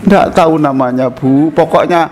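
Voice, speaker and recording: High-voiced older preacher in a mosque. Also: male voice, normal speed. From Indonesia. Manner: animated, joking storyteller who teases the audience. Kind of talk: humorous mosque sermon. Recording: reverberant mosque hall with faint noise.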